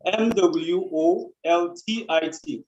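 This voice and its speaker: Lawyer on a bad call line. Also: male voice, high-pitched, slow, a little mellow. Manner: deferential, formal address. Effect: bad connection on a remote call. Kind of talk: formal court appearance. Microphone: video call. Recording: muffled lo-fi call audio.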